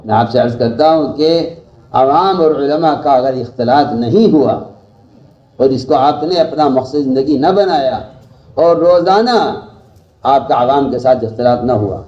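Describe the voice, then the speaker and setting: A man's voice: mid-range voice, warm tone. A man preaching a sermon to scholars, speaking emphatically, repeating key phrases and rising sharply to stress points. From India. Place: large mosque hall. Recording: dull lo-fi recording from far off.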